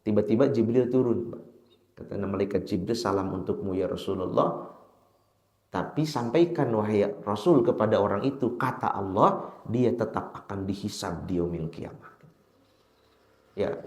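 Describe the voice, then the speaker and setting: A man with a Sundanese accent preaches in a mosque, his voice at an ordinary middle pitch. He tells his story with sudden high, loud bursts and slows down to chant verses. The room around him rings with echo. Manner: chants Quran verses slowly. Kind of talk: mosque sermon. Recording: echoey mosque hall.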